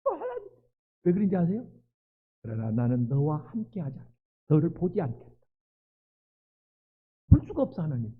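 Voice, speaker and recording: A male pastor preaching a sermon, moving from hushed pleading to loud, fervent cries. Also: a little high, big pitch swings, fairly quick, pauses often, slightly rough. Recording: tinny phone-like sound.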